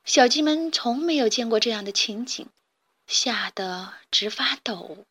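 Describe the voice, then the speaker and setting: A woman narrating a children's storybook in a gentle, expressive way. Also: a little high, a little slow, husky.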